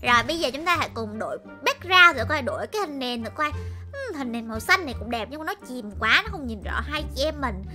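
A young woman with a high, bouncy voice narrates a casual game playthrough, exclaiming often and tripping over repeated words. Her pitch swoops widely as she talks. Game music plays clearly underneath. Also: expressive, quick pace, pushed and bright. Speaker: gaming YouTuber. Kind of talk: excited let's-play narration.

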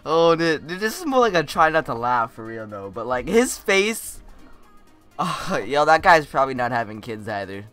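Animated young man cringing with secondhand embarrassment. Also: on the high side, moderate pace, faint music behind. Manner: slangy, exclamatory. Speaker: reaction video host. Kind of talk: casual reaction commentary. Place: indoors, small home room.

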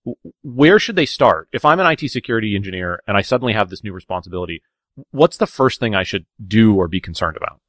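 A man's voice: on the low side, expressive, quick pace, fairly bright tone, no room sound, clean studio sound. A man hosting a podcast interview, asking conversational questions and often repeating words as he talks. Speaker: podcast host.

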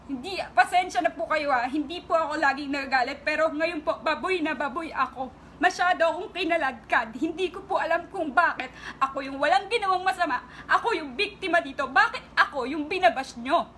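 A woman's voice: high-pitched, fairly quick, a bit bright, a little hiss or hum. A woman vlogger with a Filipino accent, angrily and tearfully speaking straight to her critics in an emotional online rant.

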